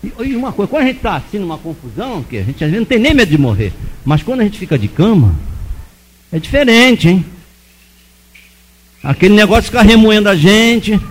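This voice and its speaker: A man giving an emotional testimony sermon, dramatic, swinging between loud pleading and hushed asides. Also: high-pitched, poor audio.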